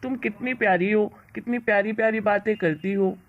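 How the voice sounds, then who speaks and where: A woman's voice: mid-range voice, steady tone, a little fast, narrow, tinny audio, lightly acted. A woman voicing an earnest young husband in a cartoon story, pleading with his mother. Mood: tender.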